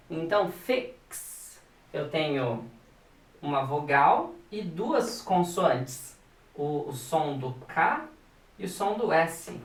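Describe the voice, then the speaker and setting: Brief: animated teacher, casual lesson from home, mic set back in a reverberant room. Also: male voice, sits high. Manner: playful, animated, spells out letters. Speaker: English teacher. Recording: echoey room, distant mic.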